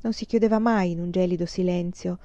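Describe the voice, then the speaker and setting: Woman storyteller, calm even reading, mellow voice, dull muffled recording. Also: fairly low pitch, brisk. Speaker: reader. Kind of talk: reading a novel aloud.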